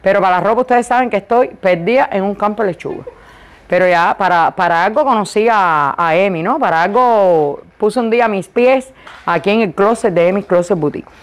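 A woman with a loud, high voice, chatting playfully and joking about herself while she models clothes in a boutique for a vlog. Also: brisk. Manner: playful, joking, self-mocking.

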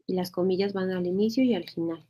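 A woman's voice: lowish voice, a little fast, mellow. A woman teaching a spelling lesson, explaining patiently, repeating phrases and checking in with her students.

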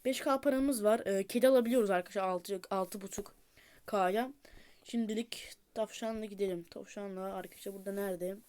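Female gameplay streamer, mid-pitched, chatty and urgent, keeps repeating herself while playing. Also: fairly quick, darkish tone, clear, resonant tone. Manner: talks straight to viewers, repeats urgent pleas and cheers. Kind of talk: casual gameplay commentary.

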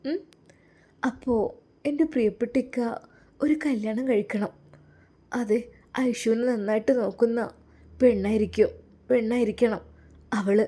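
A woman voicing a gentle, widowed male religious teacher who talks in a soft, coaxing, reassuring way. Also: a little high, a little slow, pauses often, slightly rough, pitched above the performer's own voice. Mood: earnest. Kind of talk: audio story drama.

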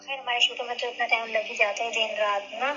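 A woman's voice: fairly high pitch, fairly even intonation, fast, bright, forceful tone, faint music behind. Soothing woman over a tinny phone line. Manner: soothing, apologetic. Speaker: salon staff member on a phone call. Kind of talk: placating phone conversation.

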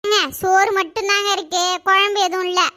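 A shrill stingy Kanyakumari housewife. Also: female voice, little pitch movement, a little fast, pushed and bright, no echo, clean studio sound. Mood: scolding. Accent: Kanyakumari Tamil. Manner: scolding, bickering. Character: stingy, sharp-tongued village housewife. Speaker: wife.

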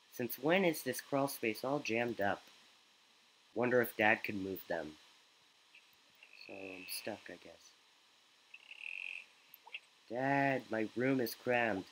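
A man's voice: on the low side, a bit bright, low-quality recording. Goofy man narrating a game playthrough. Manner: goofy, joking asides while playing. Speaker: gaming YouTuber. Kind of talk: let's play commentary.

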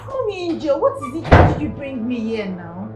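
A woman's voice: high voice, wildly swooping pitch, moderate pace, reverberant, loud music behind the voice. An actress with a Nigerian accent playing a frightened young woman who begs to be let go. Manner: frightened, pleading.

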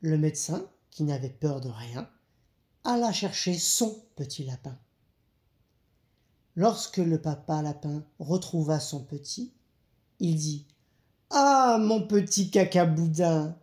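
Femme conteuse lente, pièce résonnante. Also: female voice, low-pitched. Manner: slow, deliberate and expressive. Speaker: storyteller. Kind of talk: children's audiobook narration. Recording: echoey room.

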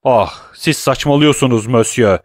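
A cornered royal prosecutor gasps out his words in strained anguish, voiced by a male audiobook narrator. The pitch rises sharply above the reader's own, in a dry, close recording. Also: moderate pace, no room sound, close to an everyday voice. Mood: distraught. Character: cornered middle-aged royal prosecutor, distraught.

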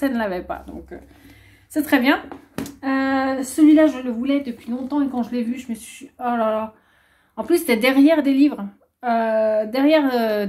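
On the high side and a little mellow, a young woman's voice drifts casually through a book haul vlog. The booktuber rambles and hesitates frequently, filling gaps with plenty of "euh"s.

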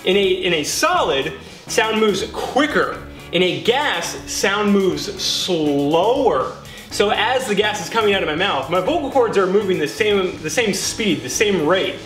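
A man talking in an unnaturally deep voice after breathing in a heavy gas, hosting a science demo with eager explanations. His words ring out in an echoey room, with soft music underneath. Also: measured pace. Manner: excited, explains as he goes. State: voice made very deep by inhaling a dense gas. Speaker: science video host. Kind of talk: enthusiastic science demonstration.

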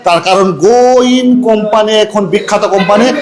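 High-pitched West Bengal man announcing offers. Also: brisk, a crowd in the background. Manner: salesy announcing of offers, repeating key phrases. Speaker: on-location presenter and interviewer. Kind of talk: promotional live video commentary.

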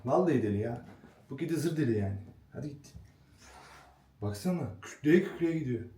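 A man's voice: mid-range voice, lively intonation, a little fast, mellow, echoey room, a little hiss or hum. A young man vlogging casually at home, joking around and scolding his cat in slangy talk. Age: young adult. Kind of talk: casual vlog chat. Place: small home indoors.

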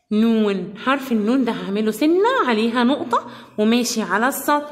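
A woman kindergarten teacher with an Egyptian accent, giving a phonics lesson to young children with slow, sing-song drilling of sounds and words. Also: a little high. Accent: Egyptian Arabic. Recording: echoey room with long reverb.

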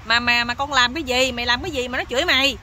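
A woman's voice: high-pitched, steady tone, rapid-fire, sharp tone, slight background noise. A woman voicing a nosy, bossy older village man who scolds and exclaims, with a Southern Vietnamese accent. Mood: scolding.

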